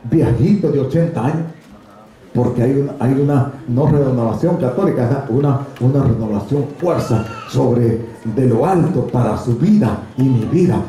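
A male pastor preaching an animated sermon, urging the congregation to say amen and swinging his voice up toward near shouts. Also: medium pitch, moderate pace. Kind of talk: lively Spanish sermon with congregation responses. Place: church hall with congregation. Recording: very echoey church hall with congregation.

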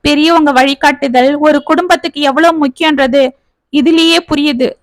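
Brief: earnest middle-aged mother-in-law, thankful, high voice, a woman storyteller. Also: fairly even intonation, moderate pace, dry recording, clean studio sound, lightly acted. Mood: grateful.

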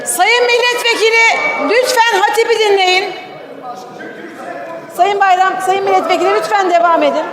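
A woman's voice: extremely high pitch, fairly even intonation, moderate pace, echoey room. A woman chairing a parliamentary session, making formal procedural announcements in a firm, official manner. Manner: firm, official, speaking out to the chamber. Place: parliament chamber. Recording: noisy crowd in chamber.

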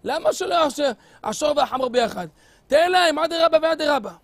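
High-voiced man telling a sermon story. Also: dry recording. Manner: animated, theatrical, addresses the audience. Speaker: preacher.

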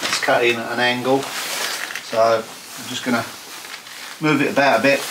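A man's voice: mid-range voice, flat delivery, a little slow, very noisy. A man, chatting to viewers as he renovates a stone cottage indoors and in a cold garden. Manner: cheerful, talks to viewers as he works. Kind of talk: casual chatty narration while working.

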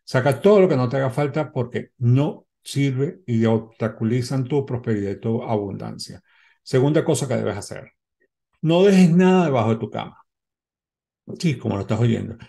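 A man in his fifties speaks straight to the camera as a self-help host, seated indoors at a desk. His voice is dark and gravelly with a mellow edge, and he explains step by step, repeating points and checking in with the listener. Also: medium pitch, lively intonation, moderate pace. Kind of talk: direct-to-camera advice talk. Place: indoor room, seated before a window backdrop.

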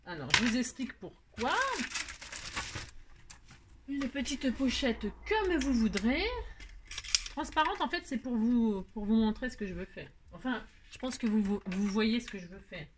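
A woman's voice: fairly high pitch, lively intonation, a little slow, background noise. A woman hosting a casual scrapbooking tutorial at home, chatting to viewers in a rambling, self-mocking way as she works. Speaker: craft tutorial host.

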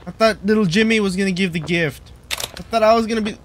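A man's voice: high-pitched, fast, a little hiss or hum, rough recording. Goofy young man playing a horror game. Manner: goofy, jokey running commentary. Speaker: gaming channel host. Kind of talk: horror game let's play commentary.

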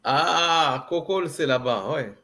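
Tentative male student, slightly high. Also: expressive, takes it slowly, sharp tone. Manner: brief, tentative replies.

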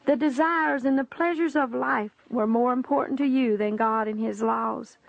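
A woman reading the lines of Jesus in a testimony story, with grave, measured pronouncements. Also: on the high side, creaky, no room sound. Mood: solemn reproach. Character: solemn male Jesus, stern and sorrowful. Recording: dull, dry lo-fi recording.

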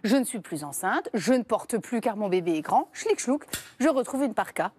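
A woman's voice: mid-range voice, expressive, fairly quick, darkish tone, a little hiss or hum. A woman demonstrating babywearing coats on a TV set, chatty and playful. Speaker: babywearing expert presenting products. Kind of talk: TV product demonstration. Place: TV studio set.

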